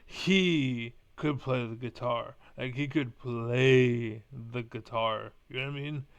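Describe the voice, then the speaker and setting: A young vlogger whose first language is Spanish rambles bluntly through a casual monologue, swearing now and then. His mid-range voice is smooth and the pace is slow.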